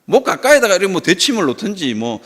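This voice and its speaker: A man's voice: sits high, huge pitch swings, fast talker, a bit bright. A male pastor preaching a sermon at a Friday worship service in a church. He tells stories with animation and asks rhetorical questions.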